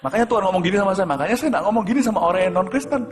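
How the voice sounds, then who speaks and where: A man preaching a sermon, telling a story and acting out the dialogue, swinging between loud and hushed delivery. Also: high-pitched, expressive, very fast. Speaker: pastor. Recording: echoey hall with music behind.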